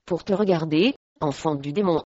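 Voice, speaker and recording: A woman's voice: deep voice, moderate pace, a little mellow, slightly rough, no room sound, highs cut off, pitched below the performer's own voice. A woman reading the part of a cold, contemptuous male priest in a storybook, sounding pious. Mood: scornful.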